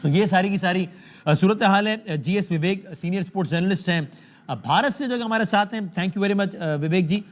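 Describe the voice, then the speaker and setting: A man presenting sports news, explaining a cricket dispute in a measured way with occasional hesitations. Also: sits high.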